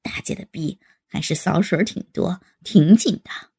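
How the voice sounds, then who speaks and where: A woman voicing a crude, boastful younger man in an adult audio story, with a husky low voice. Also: moderate pace, warm tone.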